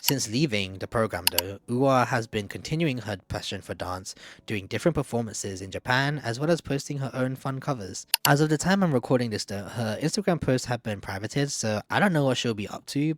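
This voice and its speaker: A man's voice: medium pitch, animated, brisk, hardly any pauses. A man giving casual, candid opinion commentary in a chatty way, often hedging with "like" and "I don't know". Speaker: video essayist.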